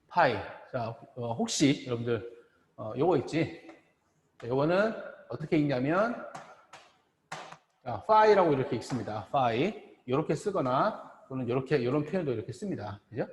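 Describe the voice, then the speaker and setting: A middle-aged man gives a university lecture in a lively voice that swings up and down. He speaks haltingly, repeating phrases and checking in with the class. The sound is roomy, with a long, hollow reverb trailing each phrase. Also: mid-range voice, a little hiss or hum. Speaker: optometry professor. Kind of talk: lecture at a board.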